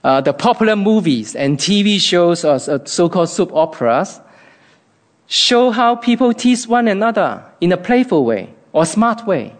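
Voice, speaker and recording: A man's voice: high-pitched, sing-song, moderate pace. A man from Hong Kong with a Hong Kong accent, giving an earnest, reflective devotional talk.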